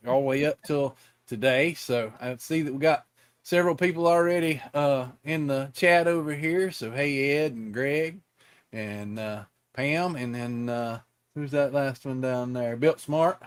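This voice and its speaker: A man hosting a casual interview show, folksy and halting, with many fillers and restarts. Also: medium pitch, clear, resonant tone. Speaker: podcast host.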